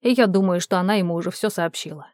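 A woman's voice: on the low side, fast, a little mellow, no echo, studio quality, natural voice. A woman doing a curt, cold young man. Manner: terse, muttered.

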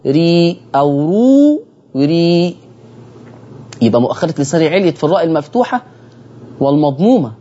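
A man's voice: sits high, warm tone, breathy edge, lo-fi sound. A man with an Egyptian accent teaching Quran recitation on a broadcast lesson, speaking straight to his listeners and repeating key phrases.

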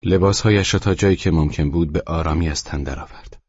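A man narrating an audiobook in a calm, even reading, in a dull, dry studio recording. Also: low voice, husky, no room sound. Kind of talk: scripted narration.

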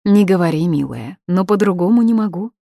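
A woman voicing a strict middle-aged father who directs a theater, speaking in a measured, firm way. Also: on the low side, expressive, vocal fry, mellow, no echo, clean studio sound, pitched above the performer's own voice. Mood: earnest.

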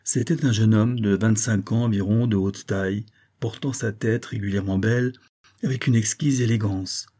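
A man reading a classic short story aloud as an audiobook, in a measured storytelling manner. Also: lowish voice, steady tone, dark tone. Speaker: audiobook reader. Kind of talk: scripted literary narration.

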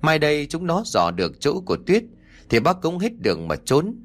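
A man narrating a story as an audiobook reader, expressive and lively. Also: on the high side, normal speed.

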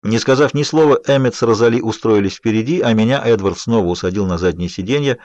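A man narrating a novel in the first person with an even, measured reading. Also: fairly low pitch, no room sound, muffled recording. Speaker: audiobook narrator.

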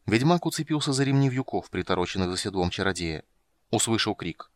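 Male audiobook narrator, fairly low voice, steady and dramatic, dry close sound. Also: fairly quick, no echo.

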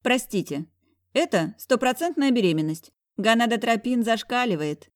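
A woman's voice: fairly high pitch, lively intonation, moderate pace, no echo, clean studio sound, voice pushed up, close to an everyday voice. A woman voicing a smug, teasing middle-aged male doctor in an audiobook. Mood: matter-of-fact. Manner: teasing, self-satisfied.

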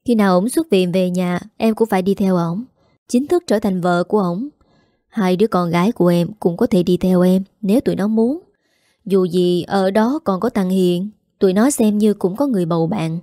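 A woman's voice: medium pitch, normal speed, mellow, no room sound, clean studio sound, natural voice. A woman voicing a harsh, scornful woman, sneering and scolding. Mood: falsely sweet. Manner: sneering, scolding, later falsely sweet.

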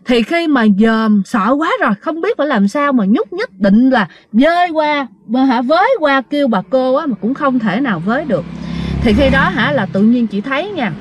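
A woman's voice: high-pitched, lively intonation, normal speed, breathy edge, dry recording. A woman telling a ghost story in a casual, chatty way, talking straight to her listeners. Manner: chatty, addresses listeners directly, many fillers.

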